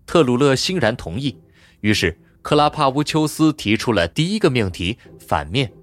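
A man narrating an audiobook in a scripted, expressive storytelling style. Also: mid-range voice, moderate pace.

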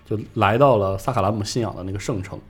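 A man's voice: fairly low pitch, fast, slightly rough. A man hosting a podcast, casually retelling a game's story in a rambling way with many fillers. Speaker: podcast host recounting game lore.

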